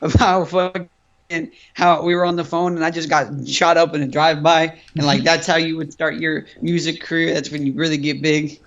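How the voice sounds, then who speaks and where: A man's voice: a little high, level tone, normal speed, fairly bright tone. A young man co-hosting a casual podcast, joking bluntly with lots of swearing. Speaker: podcast co-host. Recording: dull lo-fi call audio.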